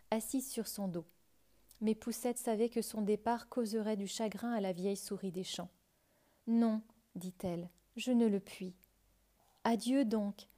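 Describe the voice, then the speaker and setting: A woman reading a fairy tale aloud in a calm, measured storytelling manner. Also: medium pitch.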